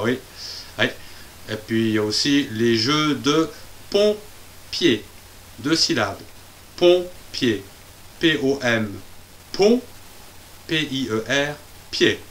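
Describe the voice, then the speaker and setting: Man, reading lesson host, syllable-by-syllable spelling, chatty asides, unhurried, crisp bright tone. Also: mid-range voice, slight background noise. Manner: playful, chatty asides and laughs. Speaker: presenter of children's reading videos.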